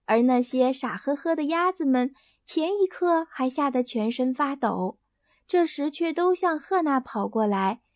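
A woman narrating a bedtime story in a gentle, expressive read-aloud manner. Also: high-pitched, no room sound, studio quality.

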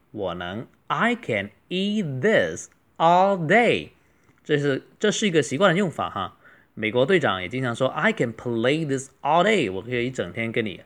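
A man teaching a beginner English lesson, slowly drawing out model phrases and explaining them quickly. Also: mid-range voice, fairly bright tone. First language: Mandarin.

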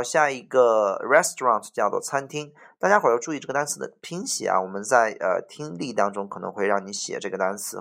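A man's voice: fairly low pitch, creaky, fairly bright tone. A man teaching English vocabulary in Mandarin, chatty, repeating each word with frequent fillers. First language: Mandarin Chinese. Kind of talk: explanatory vocabulary lesson.

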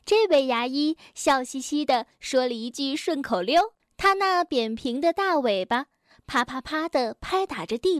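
A woman reads a children's bedtime story aloud, gentle and expressive. Her voice sits very high and she takes an unhurried pace. The recording is dry and close. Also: no echo.

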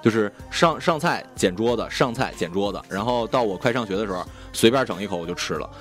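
Lively man storytelling. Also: lowish voice, fast, faint music behind. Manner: animated, acts out family members' lines. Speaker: live-stream co-host. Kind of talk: casual storytelling chat.

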